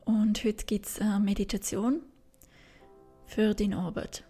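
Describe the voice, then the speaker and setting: A woman guides a bedtime meditation like a sleep story narrator, soft, breathy, gentle and slow, with long pauses. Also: medium pitch, flat delivery, faint music behind. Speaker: podcast host and meditation guide.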